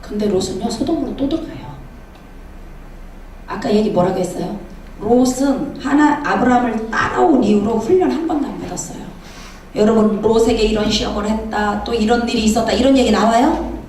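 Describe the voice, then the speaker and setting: A woman preacher giving a sermon in a church, telling a story with lively acted-out dialogue. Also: a little high, brisk, slight background noise. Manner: animated storytelling, acting out dialogue. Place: church sanctuary. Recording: echoey church hall from far off.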